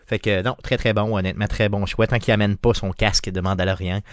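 A man with a Quebec French accent hosting a casual panel chat, relaxed and full of fillers, putting questions to the others. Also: lowish voice, fast, smooth, dry recording. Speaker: podcast host.

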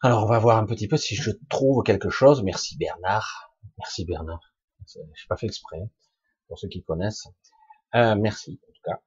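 A man with a husky, rough voice giving an informal spiritual talk to online listeners, halting yet emphatic, in colloquial, earthy wording. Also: lowish voice, a little mellow, no room sound, muffled recording. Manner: halting and emphatic, with colloquial swearing and sound-effect words. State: coughing now and then. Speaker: spiritual teacher answering listeners' questions live.

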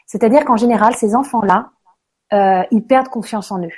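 A woman's voice: fairly high pitch, brisk, a little mellow, slightly rough. A woman actress talking casually as an interview guest, with lots of fillers and hesitations. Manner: many fillers, hesitant, chatty.

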